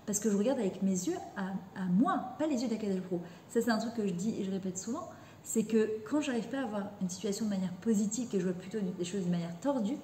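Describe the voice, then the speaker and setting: A woman's voice: mid-range voice, lively intonation, quick pace, mellow, echoey room, slight background noise. A middle-aged woman giving an earnest, heartfelt spoken religious lesson, slipping Hebrew terms into her talk. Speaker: religious teacher.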